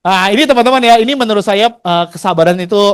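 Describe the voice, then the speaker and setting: A man's voice: high-pitched, quick pace, clean tone. A man in his forties sharing his career story in a chatty, slangy motivational talk, acting out the dialogue he recounts. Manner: chatty, slangy, acts out quoted dialogue, laughs often.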